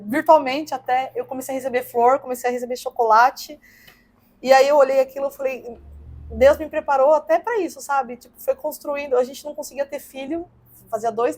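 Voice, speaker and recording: Woman, 30s, Brazilian Portuguese accent, slightly high voice. Candid podcast guest, earnest storyteller who repeats words. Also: moderate pace, darkish tone. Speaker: podcast guest, CrossFit gym co-owner and coach.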